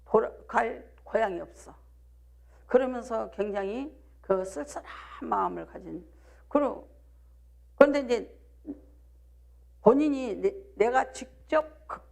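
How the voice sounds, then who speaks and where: Gravelly Korean woman pastor with a Jeolla accent. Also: a little high, slow, long pauses, a little mellow. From South Jeolla, Korea. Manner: preaching with rhetorical questions and calls of "do you believe?". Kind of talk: live midweek church sermon.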